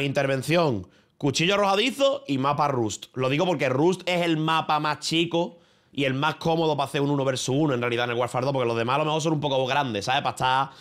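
A man's voice: medium pitch, fairly bright tone. A man from Spain with a Spanish accent, chatting casually and rambling on a livestream from his room, with plenty of swearing and slang. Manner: rambling, profane, slangy, talking to viewers and a friend. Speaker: streamer.

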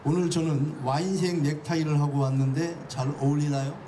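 A man's voice: a little high, steady tone, brisk, dark tone. A man reading a formal opening speech into a handheld mic outdoors. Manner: reads from a paper into a handheld mic. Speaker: official giving an opening speech. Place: outdoors at a building entrance. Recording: distant mic at outdoor ceremony with noise.

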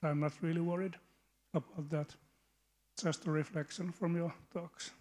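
A man's voice: on the high side, flat delivery, a little mellow. Finnish man commenting from the floor. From Finland. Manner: halting, with hesitations. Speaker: audience member, researcher. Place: conference hall.

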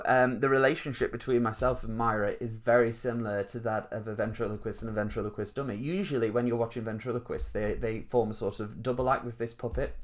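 A man in his thirties with a northern English accent, hosting an informal live stream and chatting in a rambling, self-deprecating way. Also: fairly low pitch. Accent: Northern English, Rotherham. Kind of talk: casual live-stream chat.

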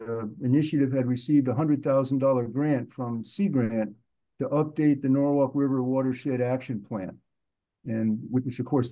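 A man giving a consultant's report in a video-call meeting, measured and detailed, with frequent restarts. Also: medium pitch, mellow, rough recording.

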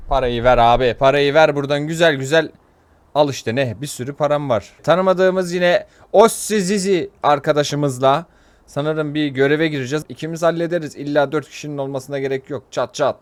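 A man giving chatty let's-play commentary, swearing jokingly and getting loud and panicky when things go wrong. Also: fairly high pitch, normal speed. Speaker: gaming YouTuber.

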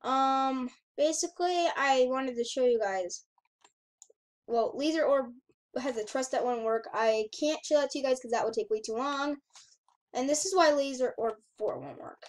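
High-pitched woman narrating a game. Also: normal speed. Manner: chatty, reads on-screen text aloud and reacts to it. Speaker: gaming channel host. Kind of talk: casual gameplay commentary.

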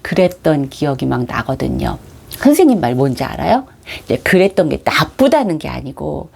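Animated middle-aged Sunday school teacher woman. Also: sits low, gravelly, husky. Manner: animated, acts out quotes for children; speaks directly to kids, warm storytelling teacher tone. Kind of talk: children's devotional talk.

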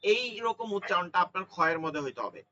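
A man leads an online recitation class, sounding out each letter slowly and repeating it for his students. His voice is fairly high and bright, and he speaks at an unhurried pace. The audio is a little dull and lo-fi. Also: animated, distant mic, slight background noise. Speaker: Quran recitation teacher. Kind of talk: online tajweed lesson.

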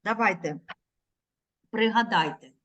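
A woman teacher giving an online literacy lesson to young children over a video call, speaking slowly and clearly, drawing words out syllable by syllable and patiently prompting her pupils. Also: mid-range voice, a bit bright, highs cut off. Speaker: primary school teacher.

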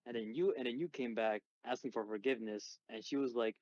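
A man chatting on a podcast, animated and swearing freely while reacting to a comic. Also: mid-range voice, a little fast, no room sound, muffled recording. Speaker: podcast co-host. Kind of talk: casual podcast reading and chat.

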